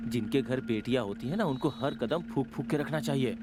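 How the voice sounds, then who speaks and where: A man's voice: medium pitch, fairly quick, noisy background, lightly acted. An actor dubbing a loyal, talkative henchman who reassures his boss. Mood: reassuring. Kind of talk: Hindi film dub. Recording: film soundtrack with loud score.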